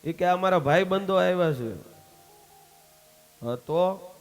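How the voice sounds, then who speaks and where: A man's voice: sits high, takes it slowly. Man telling a sermon story. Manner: storytelling, acting out characters' dialogue. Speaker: swami giving a religious discourse.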